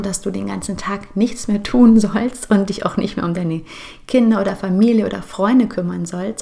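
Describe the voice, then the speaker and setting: Creaky-voiced woman hosting a coaching podcast. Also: mid-range voice, dark tone. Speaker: podcast host. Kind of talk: encouraging coaching talk, addressing the listener directly.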